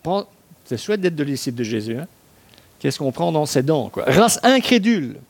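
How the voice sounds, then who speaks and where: A man's voice: medium pitch, lively intonation, moderate pace, vocal fry, dark tone, slightly rough. A man preaching a sermon on a Bible passage, talking in a conversational way with asides and rhetorical questions to his listeners.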